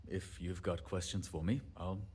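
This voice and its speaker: A man's voice: low voice, little pitch movement, a little mellow, husky. An actor playing a fretful, apologetic male handyman who rambles and talks himself down, in video game dialogue. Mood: amused. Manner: rambling, self-deprecating, quick to apologize.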